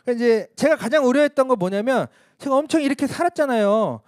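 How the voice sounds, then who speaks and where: High, lively male preacher. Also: fast, smooth, no room sound, studio quality. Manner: candid, self-mocking storytelling with chuckles. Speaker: missionary preacher. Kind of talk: testimony sermon. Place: church service.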